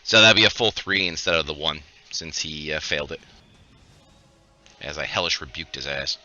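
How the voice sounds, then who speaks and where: A man's voice: extremely low pitch, moderate pace, sharp tone, no echo, dull audio. A man playing a tabletop game, casually narrating moves in a playfully dramatic way.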